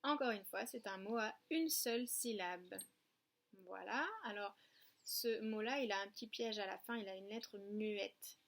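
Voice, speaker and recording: A woman kindergarten teacher giving a home video lesson to young children, with slow, patient instructions, counting aloud and repeating words. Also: medium pitch, gravelly, a bit bright.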